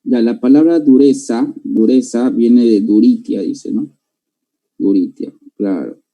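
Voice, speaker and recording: Peruvian guy teaching class, super mellow dark voice, keeps asking "right?". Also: medium pitch, unhurried, rough recording. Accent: Peruvian Spanish. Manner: explanatory, tags sentences with "¿no?" and addresses students directly. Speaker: language teacher. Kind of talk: classroom lecture.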